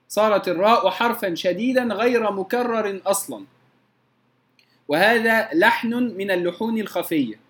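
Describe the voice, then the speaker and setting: High-pitched man teaching recitation. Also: a bit bright. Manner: explains patiently, repeatedly demonstrating recitation. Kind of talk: tajweed lesson.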